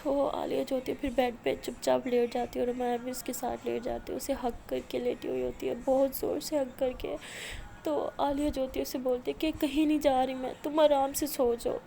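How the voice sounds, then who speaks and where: Brief: casual woman storyteller, high and gravelly, easy flowing retelling. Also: little pitch movement, dark tone, a little hiss or hum. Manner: plain, flowing retelling with hesitant fillers. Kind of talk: casual spoken story narration.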